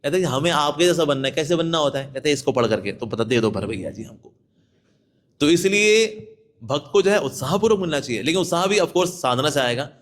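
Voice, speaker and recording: Lively high-voiced monk preaching. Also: male voice, brisk. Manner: lively, acts out people with sudden voice shifts. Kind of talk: devotional talk to devotees.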